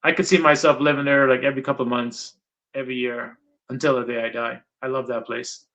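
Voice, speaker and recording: A man's voice: medium pitch, flat delivery, fast, creaky, a bit bright. A middle-aged man from Guyana, chatting casually as an interviewer, rambling and repeating his points for emphasis. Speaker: interviewer and channel host. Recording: dull lo-fi sound.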